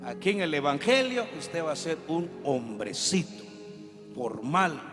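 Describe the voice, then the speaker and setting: A man's voice: on the high side, very animated, unhurried. A man preaching a sermon, with a fervent, joking delivery. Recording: reverberant hall with music behind.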